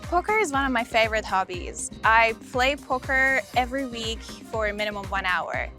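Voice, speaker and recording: A young woman delivers a scripted self-introduction in an earnest, steady, upbeat way. Her voice is bright and forward, and soft music plays beneath her. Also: fairly high pitch, normal speed. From Iran. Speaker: master's student introducing herself.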